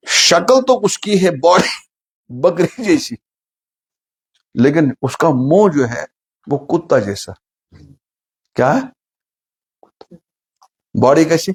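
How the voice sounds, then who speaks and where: A man's voice: on the high side, darkish tone, slightly rough. A man giving a sermon, telling a funny story and asking the listeners questions. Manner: asks the audience questions, acts out story characters. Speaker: Islamic preacher.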